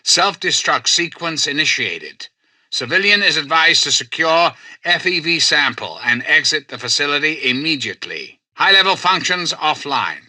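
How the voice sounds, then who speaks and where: A male actor playing a self-styled president in a video game, a calculating artificial intelligence who speaks in formal, measured, persuasive oratory. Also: on the high side, sing-song, sharp tone, no room sound, full character voice. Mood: formal announcement. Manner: grandiose, measured, courteous, persuasive. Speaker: president addressing personnel and listeners.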